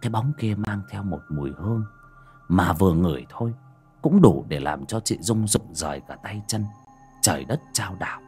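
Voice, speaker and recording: A man's voice: sits low, expressive, moderate pace, darkish tone, breathy edge, faint music behind. A man narrating a horror audiobook in a dramatic, suspenseful way. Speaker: storyteller.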